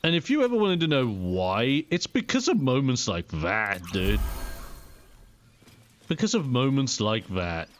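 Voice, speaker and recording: A young man giving casual, chatty and expressive let's play commentary on a video game. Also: mid-range voice, measured pace. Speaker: gaming video host.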